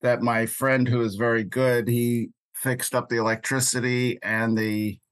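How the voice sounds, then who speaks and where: An older man with a Queens New York accent, recalling things in an interview in a halting way, often pausing mid-sentence. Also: medium pitch, level tone, a bit bright, dry recording. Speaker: interview guest, labor activist. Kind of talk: unscripted interview recollection.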